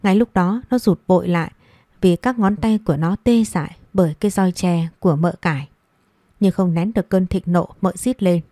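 A woman storyteller with a low, mellow voice reads a story aloud in a steady, even manner. The recording is dry and close, with no room sound. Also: moderate pace, no echo. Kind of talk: scripted narration.

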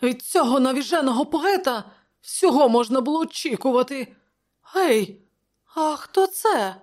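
A woman doing a shrill, flustered old court adviser. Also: expressive, unhurried. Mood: scornful. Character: fussy plump old male royal adviser.

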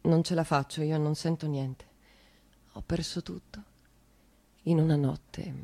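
In a theatrical monologue, an actress with a Roman accent plays a woman who is anguished and trapped. Her speech comes in fragments and repeats itself, shifting from hushed to shouted, while her low voice stays steady and unhurried. The mood is numb anguish.

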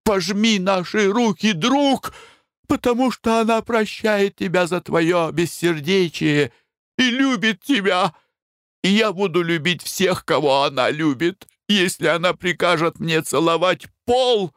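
A man's voice: high-pitched, measured pace, a bit bright, no echo, studio quality, pitched above the performer's own voice. A man voicing a besotted, tearful young suitor who stammers and pleads in an overwrought way. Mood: tearful, pleading.

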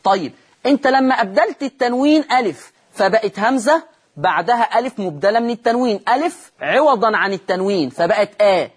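A man's voice: high voice, lively intonation, brisk, breathy edge. A man with an Egyptian accent teaching Quran recitation rules on a TV lesson, repeating key terms and answering his own questions. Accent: Egyptian Arabic.

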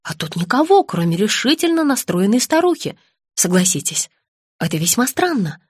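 Husky female audiobook narrator. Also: mid-range voice, sing-song, moderate pace, no echo, clean studio sound. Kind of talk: first-person ironic detective narration.

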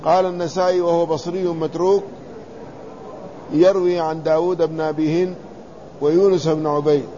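Male scholar, high voice, measured text-reading lesson, dull lo-fi recording. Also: flat delivery, mellow, slight background noise. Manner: measured, deliberate, spells out letters and vowels. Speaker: Islamic scholar teaching hadith commentary. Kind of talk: reading and explaining a classical text.

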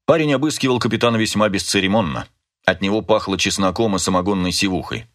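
A man narrates an audiobook in a measured, even reading. His voice sits low. The delivery is steady and scripted.

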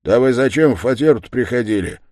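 A man reading an audiobook who voices an irritated male yard-keeper with loud, rough, barking questions. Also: mid-range voice, expressive, quick pace, no echo, clean studio sound, pitched above the performer's own voice, lightly acted. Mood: gruff.

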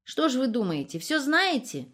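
A woman's voice: high voice, sing-song, moderate pace, a bit bright, voice pushed up, heavily acted. Verka, a woman doing a cheeky, nosy village nurse. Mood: chatty, prying. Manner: chatty, coquettish and prying.

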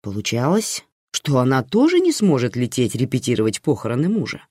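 A woman narrating an audiobook with lively storytelling intonation. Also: very deep voice, a little fast, breathy edge, dry recording, clean studio sound. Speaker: audiobook reader.

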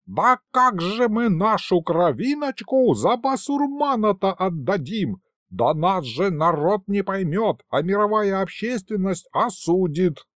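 A man voicing a cantankerous old grandfather who shouts and grumbles in folksy, old-fashioned speech. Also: high-pitched, big pitch swings, measured pace, hardly any pauses, no echo, voice pushed up, exaggerated voice. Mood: indignant.

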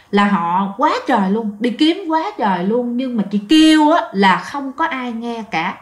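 A woman tells a ghost story in a chatty, casual way, speaking straight to her listeners. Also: on the high side. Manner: chatty, addresses listeners directly, frequent drawn-out particles. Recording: roomy echo.

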